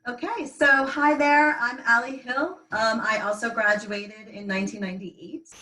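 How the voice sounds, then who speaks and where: A woman in her forties introducing herself on a panel in an orderly, listing way, with frequent pauses and fillers. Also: a little high, fairly even intonation, bright, forceful tone. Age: 40s. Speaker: panelist, consultant. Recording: roomy, distant laptop mic.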